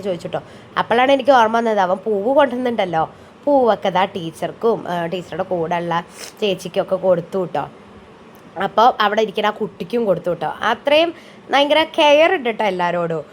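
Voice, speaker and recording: A chatty mother talks over her family vlog in a homely, easygoing way. Her voice sits at an ordinary middle pitch, recorded as a close voice-over with a faint hiss of noise behind it. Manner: homely, chatty, tags sentences with "ട്ടോ". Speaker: vlogger and mother. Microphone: voice-over, close mic.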